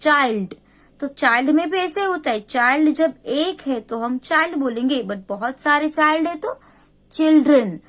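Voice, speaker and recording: A woman's voice: high-pitched, expressive, moderate pace, fairly bright tone. A woman teacher with an Indian English accent explaining grammar to young pupils, spelling words out letter by letter and answering her own questions. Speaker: primary school English teacher. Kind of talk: slow classroom explanation mixing Hindi and English.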